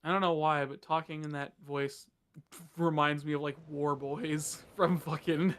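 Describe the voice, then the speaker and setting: A man's voice: a little high, flat delivery, unhurried, a bit bright. Wry, teasing man coaching a gamer. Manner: wry, teasing, explains game mechanics. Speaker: co-host guiding the player. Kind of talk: casual game commentary.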